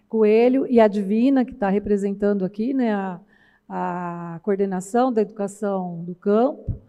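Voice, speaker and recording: A woman's voice: medium pitch, warm tone. A woman with a caipira accent from interior São Paulo speaks as a panelist at an academic conference, in a reflective, winding way with frequent tag questions. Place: large auditorium. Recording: long hall reverb.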